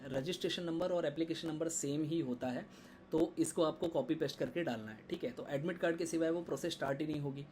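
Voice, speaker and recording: A man's voice: on the high side, darkish tone, a little hiss or hum. A man giving a casual tutorial on admission paperwork, stopping often to check in with his viewers. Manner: conversational, code-switching in English, frequent "theek hai" check-ins. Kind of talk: screen-share explainer lesson.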